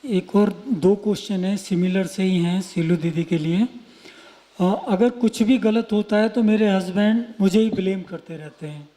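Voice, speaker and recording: A man acting as moderator, reading audience questions aloud in a plain, deliberate way. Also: high-pitched, warm tone. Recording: long hall reverb.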